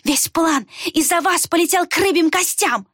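A woman's voice: high voice, animated, drawn-out words, no room sound, studio quality, pitched above the performer's own voice, heavily acted. A woman reading an audiobook voices a cunning female fox killer who speaks venomously and sneers. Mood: venomous fury. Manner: hissing, spiteful, sneering.

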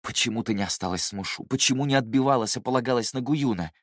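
A man's voice: mid-range voice, fast, fairly bright tone, no echo, clean studio sound, lightly acted. A man as a protective young swordsman. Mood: reproachful. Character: young male cultivator, protective and stern.

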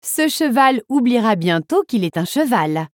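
A woman voicing a fussy male crab friend who warns the princess, pitched high. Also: big pitch swings, unhurried, no echo, clean studio sound. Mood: warning.

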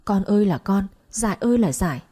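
An older mother-in-law, voiced by a woman narrator scolds in a wailing, lamenting way. The voice is dark-toned and husky, in an audio storybook. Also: medium pitch, animated, a little fast.

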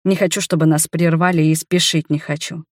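A woman voicing a gentle, shy wanderer man who talks softly and tenderly to his beloved in an audiobook. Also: a little high, little pitch movement, fairly quick, dry recording, clean studio sound, natural voice. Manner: soft, tender and reassuring. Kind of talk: audiobook character voice.

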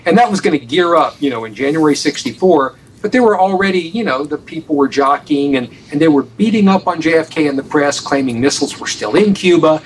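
Higher-voiced American man, emphatic storyteller. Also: animated, a little fast, hardly any pauses, husky, distant mic, rough recording. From United States. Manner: emphatic, repeats and restarts phrases. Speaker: guest author on a radio show. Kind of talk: animated interview storytelling.

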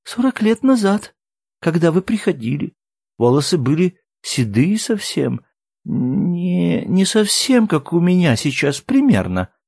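A desperate older woman cries and pleads in a high, strained voice, as a male audiobook reader puts her on. Her voice swings widely in pitch and sits dry and close to the mic. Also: lively intonation, drawn-out words, pauses often, a little mellow, husky, no echo, heavily acted. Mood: distraught.

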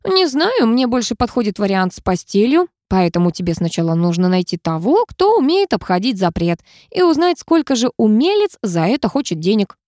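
A woman's voice: on the high side, big pitch swings, moderate pace, few pauses, a little mellow, dry recording, studio quality. A woman voicing a cocky, teasing young male student mage in an audiobook, smug and self-assured. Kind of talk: audiobook character voice.

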